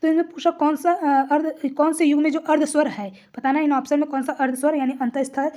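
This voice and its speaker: A woman with a high voice walks through exam questions one by one. She explains each answer patiently and repeats the key terms so they stick. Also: fairly even intonation, brisk, warm tone. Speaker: teacher. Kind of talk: exam-prep lesson.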